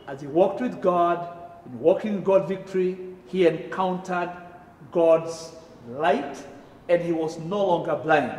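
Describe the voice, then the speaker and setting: In a church sanctuary, a middle-aged Kenyan-accented pastor preaches a sermon in a lively voice that's high for a man, getting loud on key phrases. Long, echoey room reverb trails behind every word.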